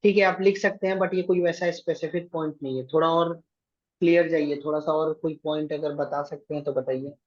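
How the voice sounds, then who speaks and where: A man's voice: on the high side, steady tone, a little fast, muffled recording. A man teaching an online exam-prep class, giving directions and often checking with his students. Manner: directive, keeps checking with "thik hai".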